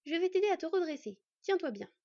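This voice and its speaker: A woman's voice: extremely high pitch, dry recording, pitched above the performer's own voice, full character voice. A woman voicing an eager, affectionate teenage boy who blurts out his words, in a slightly muffled recording. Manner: excited, loud and quick to blurt.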